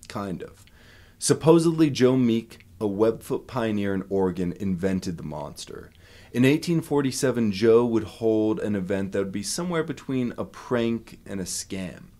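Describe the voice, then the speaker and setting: A man's voice: lowish voice, darkish tone. A man narrating a local folk legend in a storytelling way, swelling for the big moments and dropping in punchy asides. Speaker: museum staff member telling local lore.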